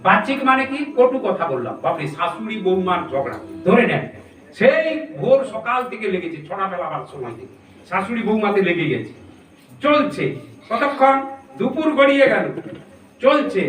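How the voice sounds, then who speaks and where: Male preacher, scripture sermon, high voice, distant mic, faint background noise. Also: lively intonation, normal speed, a bit bright, roomy sound, soft background music. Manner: explanatory, asks listeners rhetorical questions.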